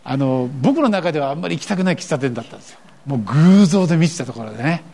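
A man's voice: on the high side, sing-song, quick pace, vocal fry, warm tone. An older man preaching a sermon as pastor, asking his congregation questions and acting out the voices he quotes.

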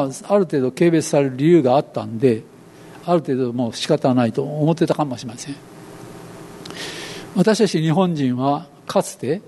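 Elderly Kansai pastor, storytelling sermon. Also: male voice, fairly high pitch, warm tone, slight background noise. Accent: Kansai Japanese. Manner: storytelling, acts out quoted voices, folksy and unhurried.

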